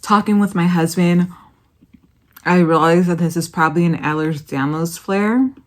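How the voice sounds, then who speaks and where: A woman talking to camera in a casual vlog, soft, tired and halting, with pauses between phrases. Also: on the low side. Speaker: vlogger.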